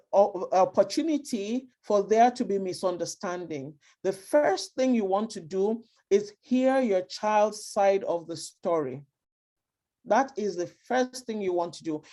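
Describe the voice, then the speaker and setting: This is a warm, medium-pitched female voice with a Nigerian accent. She is advising immigrant parents in an earnest, emphatic way, repeating what matters most.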